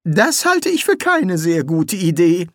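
A man's voice: high-pitched, big pitch swings, a little slow, no echo, clean studio sound, pitched above the performer's own voice. A man reading an audiobook, voicing a nervous, cowardly male wizard who is wary and sly. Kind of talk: audiobook character voice.

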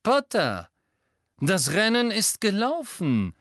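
Guy doing a snooty drawling villain wizard, cold and mocking, pitched up high, slow and dry. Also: expressive, fairly bright tone, smooth, dry recording, full character voice. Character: sneering aristocratic male wizard villain. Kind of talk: audiobook character voice.

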